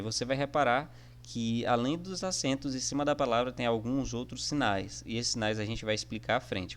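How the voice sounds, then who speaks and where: A man giving a casual online lesson, explaining things step by step and checking in with his viewers often. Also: medium pitch. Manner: friendly, repetitive, with frequent "né?" and "tá?" fillers. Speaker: online teacher of biblical Greek.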